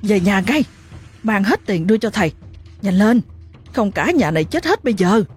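A woman voicing a panicked village wife who shouts urgent orders. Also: mid-range voice, animated, normal speed, breathy edge, soft background music, pitched above the performer's own voice. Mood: frantic. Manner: screaming, urgent.

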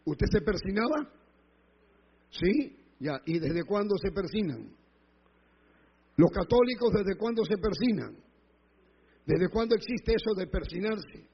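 A male pastor preaching a sermon with stories, rising to loud emphatic peaks. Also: high voice, animated, a little slow, long pauses, husky. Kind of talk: sermon with anecdotes. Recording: muffled lo-fi hall recording.

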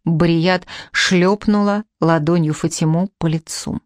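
A woman narrating an audiobook in a measured, even reading. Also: fairly low pitch, dry recording, clean studio sound.

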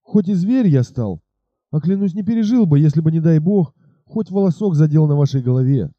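A man voicing a fierce bearded robber chief in an audiobook, with a gruff, raised delivery. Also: a little high, lively intonation, fairly quick, no room sound, dull audio, pitched above the performer's own voice. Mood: pleading.

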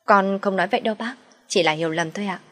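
A woman's voice: mid-range voice, racing, a bit bright, lightly acted. Woman voicing a brazen scheming young mistress. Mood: pleading. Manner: brash, insolent, turns pleading.

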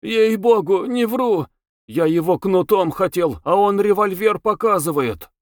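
A young cab driver pleads in a high, stammering voice, as a man reading the novel does him. His whiny tone sits in a dry, close audiobook recording. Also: measured pace, a little mellow, no room sound. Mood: plaintive. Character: young fair-haired cab driver, plaintive.

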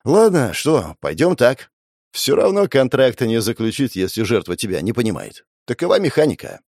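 A man's voice: medium pitch, big pitch swings, normal speed, a little mellow, no room sound, clean studio sound. A man narrating a first-person fantasy audiobook in a sardonic, crude, wry way.

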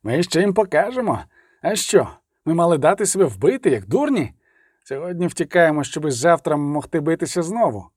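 A man voicing a gruff, commanding male captain who shouts orders in the middle of a battle. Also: a little high, big pitch swings, brisk, no room sound, studio quality. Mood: defiant.

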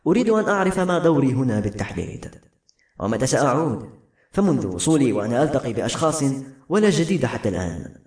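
A man's voice: medium pitch, sing-song, quick pace, close to an everyday voice. A man reading the lines of a polite, bewildered young man who keeps asking earnest, puzzled questions. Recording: roomy echo with soft music.

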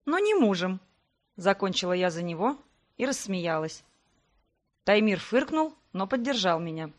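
A woman narrating a first-person novel in a measured, even reading. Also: mid-range voice. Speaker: audiobook reader.

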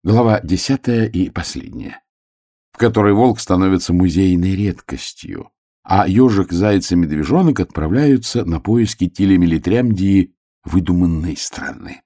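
A man reading a children's storybook aloud with an expressive, lively delivery. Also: low voice, normal speed. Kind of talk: storybook narration.

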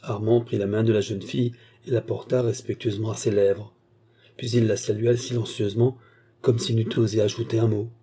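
A man narrates a classic novel at a steady, measured pace. His voice is very dark and mellow. A light huskiness runs through it. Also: fairly low pitch, slightly rough. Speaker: audiobook narrator.

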